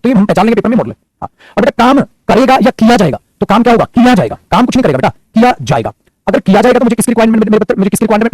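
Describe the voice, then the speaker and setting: Fast, fiery man scolding his class. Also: high-pitched, a little mellow, no echo. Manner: fiery, scolding, calls students son and my child; mixes English grammar terms into his talk. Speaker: English teacher coaching for government exams. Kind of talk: scolding motivational classroom lecture.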